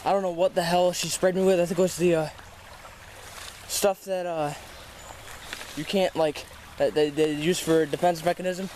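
A man's voice: sits high, level tone, moderate pace, long pauses, darkish tone, a little hiss or hum. A man chatting casually and exclaiming to viewers in an informal, sweary outdoor wildlife vlog, recorded on a handheld camera. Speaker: host of amateur snake-catching vlog. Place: outdoors by a creek in weedy woods. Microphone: handheld camera held by the speaker.

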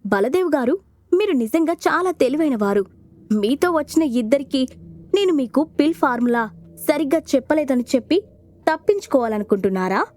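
A woman's voice: extremely high pitch, normal speed, voice pushed up. A woman voicing a sly young man who teases his rivals, in an audio storybook. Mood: mocking. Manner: teasing, mocking.

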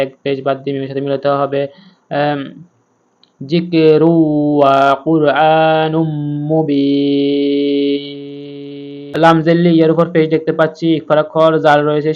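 A man teaching Quran reading, patiently spelling out each letter and sound in a slow step-by-step lesson. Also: on the high side, clear, resonant tone, lo-fi sound.

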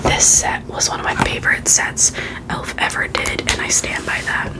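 Casting: woman for whispered ASMR vlog, soft and fully breath-voiced, informal, opinionated chat. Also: moderate pace. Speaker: beauty vlogger.

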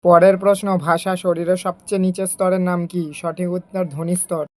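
A man teaching a lesson as a quiz, reading each question and then its correct answer in a steady drilling way. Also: sits high, brisk. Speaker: coaching teacher.

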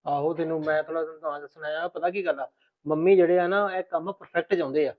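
Rapid-talking man, soothing tone. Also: fairly high pitch, fairly even intonation. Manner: soothing, placating. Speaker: son in a family drama. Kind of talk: amateur family drama acting. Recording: dull lo-fi recording.

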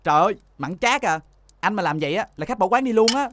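A fussy nagging restaurant worker. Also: male voice, high-pitched, lively intonation, fast talker, a bit bright, slight background noise. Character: young restaurant worker nagging his boss.

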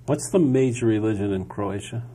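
A man's voice: lowish voice, a little fast, mellow. A man hosting a television studio interview, breaking in with short questions. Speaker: talk show host.

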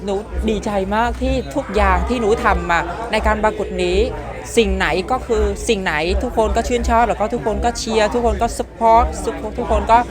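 A 19-year-old woman from Vietnam with a Vietnamese accent, speaking halting, simple non-native Thai as a pageant contestant in a casual interview. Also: medium pitch. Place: busy indoor backstage makeup room. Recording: loud music and chatter behind.

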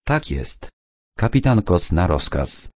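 A man's voice: low voice, very animated, takes it slowly, dry recording, clean studio sound, heavily acted. A man voicing a dutiful young army captain who sounds earnest and anxious. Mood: worried.

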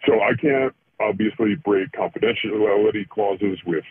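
Man through a deep pitch-shifted voice changer. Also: slightly rough. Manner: hesitant, halting. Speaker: caller. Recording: tinny phone line.

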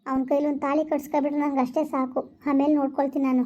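A woman's voice: high-pitched, little pitch movement, rapid-fire, a little mellow, natural voice. A woman acting as a scheming, determined young woman in a village family drama, speaking emphatically. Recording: dull lo-fi recording.

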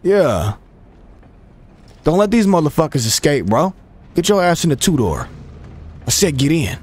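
A young man swearing, trash-talking and shouting at characters while commentating his gameplay. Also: fairly high pitch, big pitch swings, unhurried, husky. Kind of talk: profane running commentary over gameplay.

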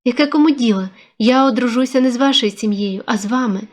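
A woman's voice: fairly high pitch, fast, lightly acted. A woman voicing a pressing young suitor. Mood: insistent. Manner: pressing, persuasive. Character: ardent, insistent young man, a suitor.

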